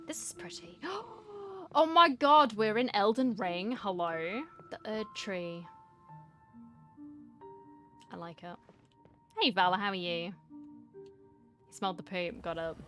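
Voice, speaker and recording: A woman's voice: lowish voice, fairly bright tone. A woman streamer giving playful, chatty commentary while playing a story game, reacting aloud and reading lines along. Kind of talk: casual gaming commentary.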